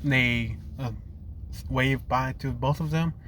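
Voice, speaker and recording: A man tells a fan story off the cuff as his voice gives out, stopping often to restart and correct himself. The mid-range voice is a bit bright, with a little hiss or hum in the recording.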